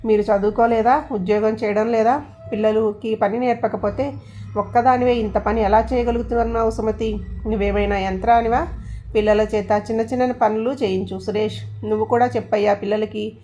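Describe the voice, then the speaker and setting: A woman's voice: fairly high pitch, steady tone, brisk, warm tone, slight background noise, natural voice. A woman voicing an outspoken older aunt who lectures bluntly. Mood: lecturing.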